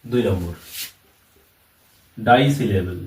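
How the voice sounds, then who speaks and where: A man's voice: lowish voice, expressive, takes it slowly, a little mellow. A man explaining a language lesson step by step, repeating each term and example. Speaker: English teacher. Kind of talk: classroom-style lesson explanation. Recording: roomy echo, voice from far off the mic.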